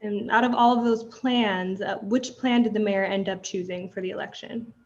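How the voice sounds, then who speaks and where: A young woman trial advocate questioning a witness and addressing the bench in a measured, formal way, heard through a courtroom recording. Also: medium pitch, fairly even intonation, muffled recording.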